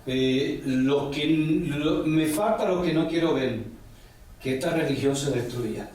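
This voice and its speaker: A religious elder in his forties speaks slowly in a voice on the high side with a darkish tone, answering interview questions through long rambling stories full of quoted talk and "ujú" fillers. He's far from the mic in an echoey room, with faint background and a little hiss or hum.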